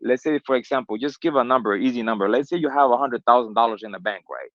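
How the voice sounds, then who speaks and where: On a crypto call, a community member from Honduras talks in a medium-pitched, slightly bright voice at a quick pace. His casual chat wanders, full of fillers and false starts, over dull lo-fi call audio with no room sound.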